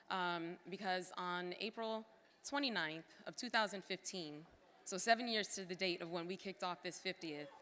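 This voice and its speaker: A woman's voice: fairly low pitch, sharp tone. Heartfelt woman speaking in a reverberant hall. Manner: heartfelt, informal asides to the crowd. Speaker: former cultural center director giving a thank-you speech. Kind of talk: emotional gala speech. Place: large hall at a formal gala.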